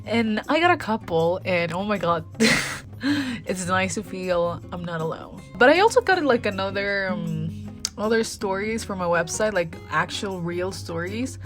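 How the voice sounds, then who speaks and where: A woman's voice: lowish voice, measured pace, a bit bright, soft background music. A young woman vlogger chatting casually and reading stories aloud, giggling often and dropping in asides full of "like". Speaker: beauty vlogger.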